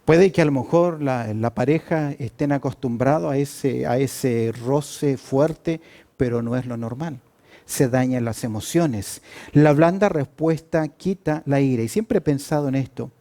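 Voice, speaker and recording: Mellow-voiced preacher man. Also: mid-range voice, measured pace. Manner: rhetorical questions answered himself, frequent fillers; lively preaching with sudden loud emphasis. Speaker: pastor. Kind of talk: sermon.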